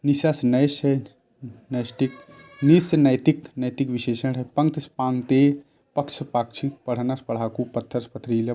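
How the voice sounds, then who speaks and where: Man, grammar teacher, mellow dark voice, rapid word-list drills, quizzes himself aloud. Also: mid-range voice. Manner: rattles off word lists, asks and answers his own questions. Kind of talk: grammar lesson.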